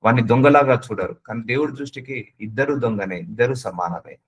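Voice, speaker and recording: Earnest male preacher, mid-pitched. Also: fairly quick, slightly rough, low-quality recording. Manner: earnest, addresses listener directly with repeated questions; mixes English words into speech. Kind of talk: sermon.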